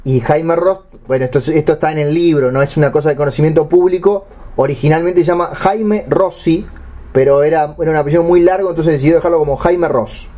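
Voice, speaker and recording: A man's voice: fairly high pitch, quick pace, warm tone. An Argentine man with a Rioplatense accent, co-hosting a podcast, reading out listener questions with brief, dry retorts. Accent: Rioplatense Spanish. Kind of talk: comedic podcast banter.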